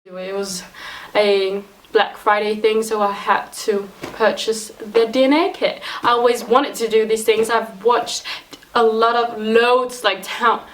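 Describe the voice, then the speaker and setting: A young woman from Somaliland talking casually to camera, chatty and excitable with lots of fillers. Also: a little high, unhurried, low-quality recording. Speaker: vlogger. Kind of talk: casual vlog chat.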